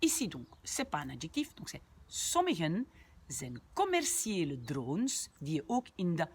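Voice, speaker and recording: Woman, language teacher, lower voice, lively pitch, patient word-by-word explaining. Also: a little slow, slightly rough. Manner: patient, repeats and translates word by word; chatty asides to viewers. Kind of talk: language lesson explaining a sentence.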